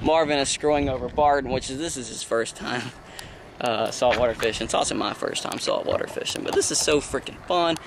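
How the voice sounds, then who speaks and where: A young man hosting a casual fishing vlog outdoors on a bridge, narrating to a handheld camera with excited, upbeat energy. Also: medium pitch, a little fast, vocal fry. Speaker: vlog host. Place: outdoors on a bridge over water. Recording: noisy outdoor camera audio.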